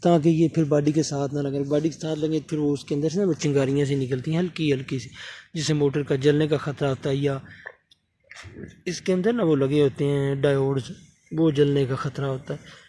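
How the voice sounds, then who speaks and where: A man's voice: a little high, fairly even intonation, mellow, slight background noise. A man from Pakistan explaining a motor repair at his workbench, talking while he works and often checking in with the viewer. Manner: talks while working, often asking viewers to subscribe; repeats fillers and checks in with the viewer. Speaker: electronics repair technician. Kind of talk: hands-on repair tutorial.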